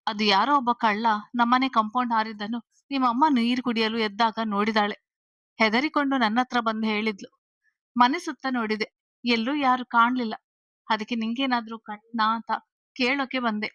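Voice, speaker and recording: A woman's voice: fairly high pitch, fairly even intonation, moderate pace, fairly bright tone, dry recording, natural voice. A woman voicing a stern, questioning father. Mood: concerned. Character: stern protective father, middle-aged man, questioning.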